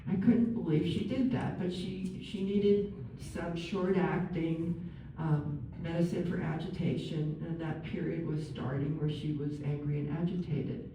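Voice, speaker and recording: A woman working as a nurse and counsellor, giving a chatty, gentle talk to a group and acting out example phrases. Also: deep voice, steady tone, measured pace, a little hiss or hum. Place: large room with an audience. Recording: very echoey room, far from mic.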